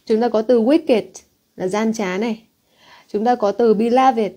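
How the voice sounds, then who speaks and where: A woman English teacher with a Northern Vietnamese accent runs an exam-prep lesson, reading English words aloud before explaining them and often checking whether students have followed. Her mellow voice is on the high side and a little slow.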